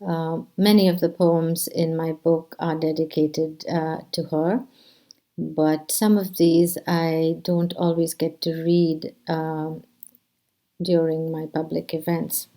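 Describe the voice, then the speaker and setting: Soft, slow, low-voiced woman poet. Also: flat delivery. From India. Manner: soft-spoken, hesitant with many fillers. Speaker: poet and teacher. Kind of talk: introducing a poetry reading.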